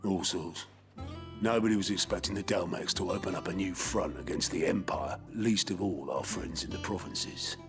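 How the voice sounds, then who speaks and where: A man's voice: low voice, normal speed. A man voicing a plain-spoken steward giving a matter-of-fact briefing in a video game. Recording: loud music behind. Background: game music with plucked guitar.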